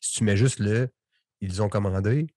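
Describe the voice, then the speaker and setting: A man's voice: on the low side, moderate pace, mellow, no echo, studio quality. A man with a Québécois French accent hosting a casual podcast interview, talking in a rambling, conversational way. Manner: rambling, conversational, many restarts. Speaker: podcast host.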